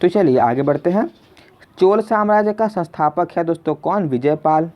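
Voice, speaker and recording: The voice is a man's, on the high side with a darkish tone and a moderate pace. As a video host and quiz teacher, he conducts an exam lesson in question-and-answer form, repeating his questions and treating listeners as friends. The audio is dull lo-fi.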